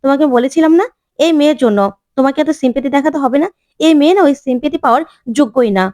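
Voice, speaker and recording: A woman voicing a sharp-tongued, scornful woman who gossips about a rude girl. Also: high voice, rapid-fire, no echo, studio quality, lightly acted.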